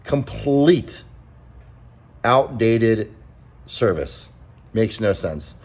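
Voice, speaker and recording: A man's voice: lowish voice, lively intonation, drawn-out words, a little mellow, low-quality recording. A young man talking in a casual vlog, blunt and exasperated, swearing freely as he rants. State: out of breath. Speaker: vlogger.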